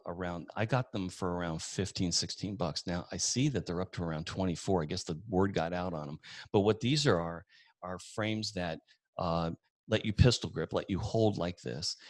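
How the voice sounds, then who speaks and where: A man's voice: sits low, no room sound. A man giving a casual webinar lesson, chatty and folksy, telling anecdotes with acted-out dialogue. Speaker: webinar presenter.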